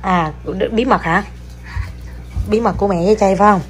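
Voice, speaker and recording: Young mother, patient and coaxing, mid-pitched, stretches words out to teach, home video. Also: music in the background. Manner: coaxing, slows down to model words for the child. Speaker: mother filming her child. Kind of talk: casual home chat with a child. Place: at home indoors.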